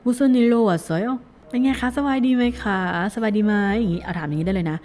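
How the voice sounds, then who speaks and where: A woman teaching a language lesson. She reads each phrase slowly, syllable by syllable, then says it at normal speed, and cheers her learners on. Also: mid-range voice, expressive, a little mellow. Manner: encouraging, cheerful, spells words out syllable by syllable.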